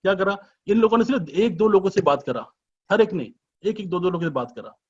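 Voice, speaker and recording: A man giving a business presentation as an informal sales pitch, chatty and persuasive, full of rhetorical questions and teasing asides. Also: lively intonation, brisk, breathy edge. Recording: dull lo-fi recording.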